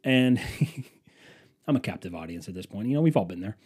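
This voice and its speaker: This man in his twenties speaks at a normal speed in a fairly low, expressive voice that's a little mellow with a breathy edge. Filming himself on his phone inside a museum exhibit, he vlogs a meandering, profane, self-mocking story.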